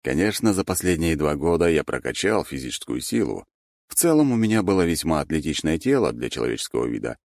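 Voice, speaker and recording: A man's voice: rumbling low, very animated, fast talker, a little mellow, dry recording, studio quality. A man narrating a story expressively as an audiobook reader. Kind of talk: scripted narration.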